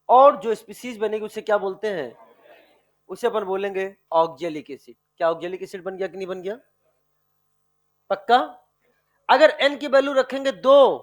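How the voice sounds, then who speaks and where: A man with a notably high voice teaches a chemistry class. He fires off repeated questions, waits for answers, and drags out the key terms. He calls his students dear children. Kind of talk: classroom lecture with online students.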